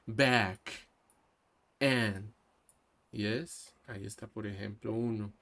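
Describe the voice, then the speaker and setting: A man teaching an online English class, explaining slowly and mixing Spanish with English. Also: lowish voice, fairly even intonation, gravelly. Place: online class over a video call. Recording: faint background music. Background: soft background music.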